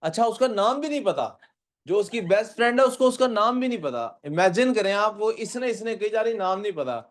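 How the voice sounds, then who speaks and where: A man's voice: sits high, animated, fairly quick. A man teaching a physics class. He reads questions out in English, explains them in Urdu and keeps quizzing his students. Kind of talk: classroom lecture.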